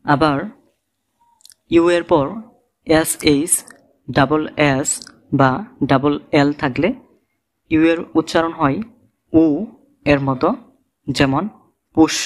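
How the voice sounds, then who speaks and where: A man with a Bangladeshi Bengali accent teaching English reading, spelling out words letter by letter and giving their meanings. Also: on the high side. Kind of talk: slow instructional lesson.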